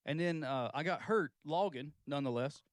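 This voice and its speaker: A man's voice: on the high side, normal speed, no echo, studio quality. A man, a podcast guest and auctioneer, telling stories in an easygoing, joking way. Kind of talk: casual chat. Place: podcast studio.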